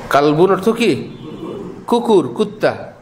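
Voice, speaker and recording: A man's voice: high-pitched, big pitch swings, takes it slowly, a little hiss or hum. A man preaching a sermon, teaching by asking questions and answering them himself. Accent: Bangladeshi Bengali. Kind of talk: Islamic sermon.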